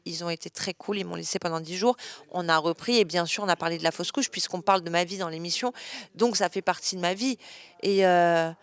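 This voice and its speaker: A woman's voice: fairly low pitch, a little fast, clean tone. A young woman answering interview questions in an open, chatty way, with frequent fillers and restarts. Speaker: interview guest.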